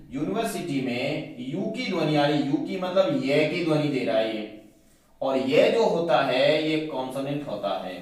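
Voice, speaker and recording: A male teacher giving a grammar lesson, explaining patiently and checking in often with his class. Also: a little high. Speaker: English teacher. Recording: very echoey room, mic at a distance.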